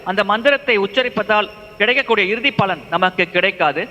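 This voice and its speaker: High, bright-voiced male interpreter. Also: expressive, a little fast. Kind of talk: consecutive translation of a lecture. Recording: reverberant hall.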